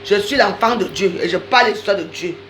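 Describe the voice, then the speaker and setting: A woman's voice: mid-range voice, brisk, fairly bright tone, slight background noise, poor audio. A woman delivering a heated, accusatory live-stream rant, talking straight to her viewers and repeating phrases for emphasis. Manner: accusatory, insistent, addresses viewers directly.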